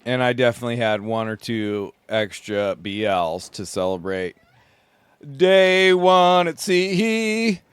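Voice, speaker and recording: A sleep-deprived man rambles groggily to his recorder, unhurried and meandering. His voice is smooth and clear. The sound is close and dry. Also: medium pitch, animated, no room sound. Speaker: podcast host, solo sailor. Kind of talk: casual self-recorded monologue. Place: small sailboat at sea.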